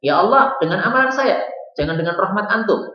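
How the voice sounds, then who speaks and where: A man's voice: mid-range voice, lively intonation, quick pace, natural voice. A man putting on a stubborn old hermit pleading. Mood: insistent pleading. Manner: insistent, pleading. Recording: very echoey hall, dull lo-fi.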